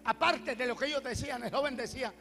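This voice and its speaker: A man preaching a testimony sermon, animated and storytelling, swinging from loud declarations to hushed prayers. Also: very high-pitched, fast talker, big-room sound, soft background music.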